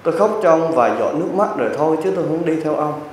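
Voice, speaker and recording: A man's voice: on the high side, lively intonation, racing, noisy background, voice pushed up, natural voice. A man voicing a coolly refusing wife. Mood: cool refusal. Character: cold, practical wife refusing her dying husband. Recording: very echoey hall, distant mic.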